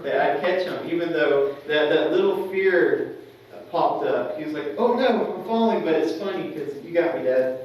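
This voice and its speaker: A young man with a somewhat high voice teaches a Sunday school class in a church classroom, speaking at a normal pace with fairly even intonation. He keeps it conversational and often checks that the class agrees. The recording has a little hiss or hum, with an echoey room and a distant mic.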